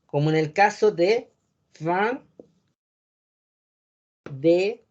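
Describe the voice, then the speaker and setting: A man teaching an online wine course over a video call, explaining patiently and often checking in with quick tag questions. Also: high voice, lively intonation, darkish tone, lo-fi sound. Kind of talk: online class lecture.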